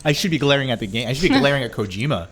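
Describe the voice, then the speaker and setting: A man's voice: mid-range voice, lively intonation, rapid-fire, fairly bright tone. A young man co-hosting a casual gaming podcast, complaining animatedly and swearing as he talks through the game. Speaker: podcast co-host.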